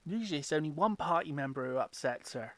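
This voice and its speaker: A woman's voice: deep voice, expressive, fast, a crowd in the background. A woman running a tabletop game as game master, casually narrating and explaining rules.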